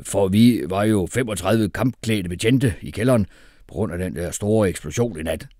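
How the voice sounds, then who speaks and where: A man's voice: on the low side, warm tone, no echo, studio quality, close to an everyday voice. A man voicing a matter-of-fact male police officer explaining things. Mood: officious.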